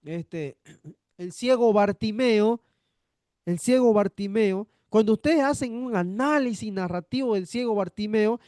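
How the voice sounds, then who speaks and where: A man's voice: high voice, darkish tone, dry recording, studio quality. A man teaching a theology class, repeating his points and asking rhetorical questions to check the students follow. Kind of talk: classroom lecture.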